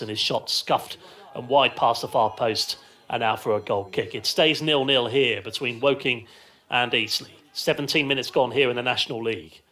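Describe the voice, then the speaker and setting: This radio commentator's voice sits in the mid-range, bright and forceful. He calls the football live from a stand at an open-air ground, describing the play in brief, clipped bursts.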